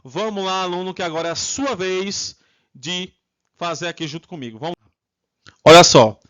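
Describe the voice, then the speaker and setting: A Brazilian man with a Brazilian Portuguese accent teaching English grammar, drilling students with repeated prompts and modeling phrases slowly. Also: high-pitched, a bit bright, lo-fi sound. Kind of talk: online English lesson.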